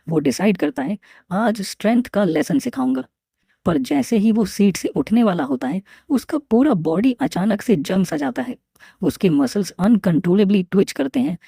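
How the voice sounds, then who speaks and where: Woman narrator, steady storytelling, dark warm tone, dry close sound. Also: mid-range voice, vocal fry, husky, no room sound. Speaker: manhwa recap narrator.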